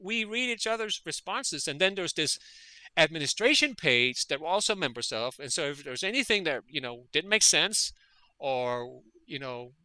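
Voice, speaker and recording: This Danish man, a veterinary parasitologist and interview guest, has a slightly high, sharp voice with big pitch swings and a moderate pace. The audio is poor and dry. Earnest and conversational, he tends to repeat words as he works out what to say.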